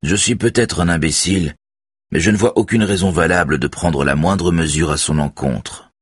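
A man's voice: low voice, normal speed, husky, dry recording, clean studio sound, pitched above the performer's own voice. A man doing a serious, curt official.

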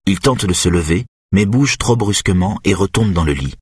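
A man narrating an audiobook in a steady, even reading. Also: low voice, moderate pace, husky, no echo, studio quality.

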